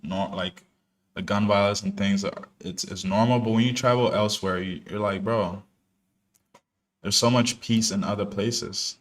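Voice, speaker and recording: Streaming his day trading live, a young New Jersey native with parents from Ghana keeps up loose, slang-heavy commentary full of fillers. He speaks in a lowish voice at a moderate pace, his intonation fairly even.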